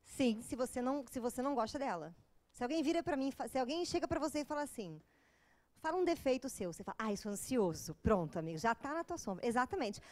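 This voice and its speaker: Woman, Brazilian Portuguese accent, lecturer, casual and humorous, high-pitched. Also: animated, quick pace. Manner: joking, chatty, with acted asides. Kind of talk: informal lecture to a live audience.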